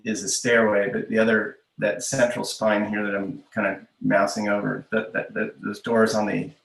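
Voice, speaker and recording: A man chairing a virtual public meeting over a video call, halting and restarting, his audio dropping out as the internet connection wavers. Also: fairly low pitch, little pitch movement, vocal fry, fairly bright tone. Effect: unstable internet call audio dropping out. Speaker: board chair. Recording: echoey video call audio from far off the mic.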